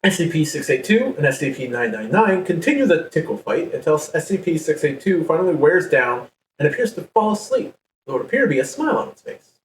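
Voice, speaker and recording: A male podcast host reads a story aloud playfully. His voice is a bit high and sounds roomy. It is picked up from far off the mic, with faint noise behind it. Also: big pitch swings, brisk. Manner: playful, laughs while reading. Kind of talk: reading a story aloud to co-hosts. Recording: echoey, distant mic with faint background noise.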